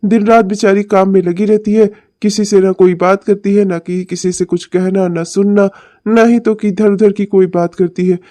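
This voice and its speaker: A man's voice: high voice, fairly even intonation, moderate pace, warm tone, dry recording, close to an everyday voice. A man voicing a demanding, long-winded middle-aged uncle in a cartoon.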